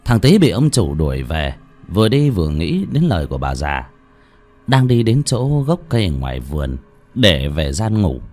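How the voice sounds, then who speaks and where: Low-voiced storyteller with animated delivery. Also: male voice. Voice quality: lively dramatic reading. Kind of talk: ghost story narration.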